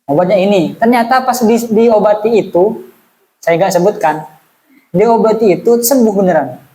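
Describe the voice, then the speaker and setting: A man's voice: high voice, moderate pace, dark tone, low-quality recording. A man, teaching an Islamic study class in a chatty way and asking the audience questions. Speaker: religious teacher. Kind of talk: casual Islamic study lesson.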